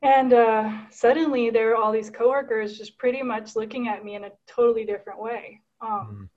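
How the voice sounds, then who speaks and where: A woman's voice: a little high, fairly even intonation, normal speed, highs cut off. A woman from Guatemala on a video call, telling a personal story in an earnest, casual way with many fillers and restarts. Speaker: caller.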